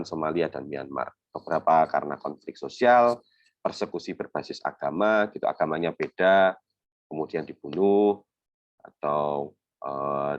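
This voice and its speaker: A man's voice: sits low, no room sound. A young man giving a webinar lecture, explaining things in a conversational way with a lot of fillers and made-up examples, recorded over a video call. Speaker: webinar speaker on refugee law. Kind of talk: academic webinar presentation. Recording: dull lo-fi video call audio.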